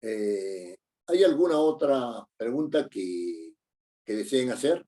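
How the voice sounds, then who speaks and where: Man, middle-aged, teacher, mellow, patient explaining, tag questions. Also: medium pitch, sing-song, takes it slowly. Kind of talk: online class lecture.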